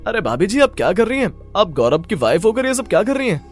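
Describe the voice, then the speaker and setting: An outspoken young friend from an animated family story, as a man voices him. He talks loud and fast with indignation, over faint music. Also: high voice. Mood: surprised.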